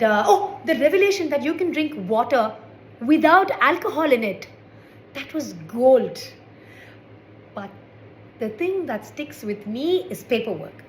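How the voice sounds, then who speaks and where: A woman in her forties from India doing a stand-up comedy set with wry, sarcastic asides. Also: fairly high pitch. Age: 40s. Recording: echoey room with faint background noise.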